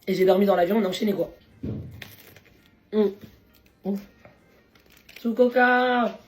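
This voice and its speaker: A young woman with a hoarse, worn voice chats casually in a food vlog, slangy and quick to laugh. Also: medium pitch, faint music behind. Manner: chatty, slangy, laughs often. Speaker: vlogger.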